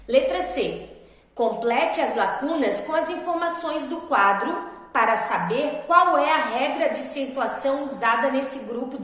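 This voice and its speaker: A woman's voice: high voice, fairly bright tone. A woman teacher giving a recorded video lesson, explaining step by step and asking her pupils questions. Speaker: primary school teacher. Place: school classroom. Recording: echoey classroom with long reverb.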